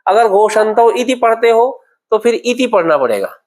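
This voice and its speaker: A man's voice: very high-pitched, expressive, a little mellow. A man teaching Sanskrit grammar in a classroom, patiently repeating words and checking that students follow. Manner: patient, repeats words slowly, asks "okay?" often. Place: classroom at a temple centre.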